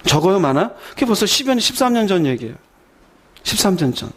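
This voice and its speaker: A man's voice: high voice, big pitch swings, fast, husky. A middle-aged pastor from Korea preaching a sermon, telling his own story, acting out the dialogue and asking the congregation questions.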